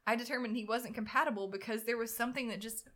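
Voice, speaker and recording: Woman, podcast co-host, casual chat, candid, swears, laughs often, bright voice. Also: on the high side, steady tone, fast talker.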